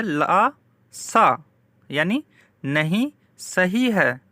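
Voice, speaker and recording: A man teaching spoken phrases in a lesson, repeating each one and sounding out the foreign words slowly. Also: a little high, bright, forceful tone, dry recording. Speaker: Arabic language teacher.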